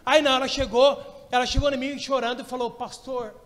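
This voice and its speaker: A male pastor preaching a sermon, telling a story and acting out dialogue with animated energy. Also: very high voice, quick pace, in a large hall. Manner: animated storytelling, acts out dialogue, shouts in prayer. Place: church.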